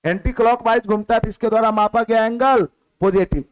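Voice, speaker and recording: Man, maths teacher, classroom lecture, high voice, quizzing the class and answering himself. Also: fairly even intonation, fairly quick, rough recording. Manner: asks the class questions and answers them himself; repeats key words, drops to a lower voice on the answer.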